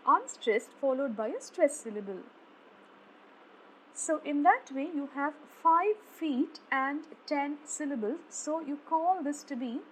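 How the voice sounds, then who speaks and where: Slow, high-voiced Indian woman lecturing. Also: fairly bright tone, slight background noise, rough recording. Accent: Indian English. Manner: slow, deliberate, spelling out terms one by one. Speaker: English lecturer. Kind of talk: explaining lecture on poetic meter.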